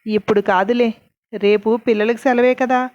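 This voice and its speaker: A woman's voice: fairly high pitch, fairly even intonation, moderate pace, a little mellow, dry recording, natural voice. Woman doing an evasive, soothing husband, storybook reading, dull dry sound. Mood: calm. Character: middle-aged husband, calm, secretive.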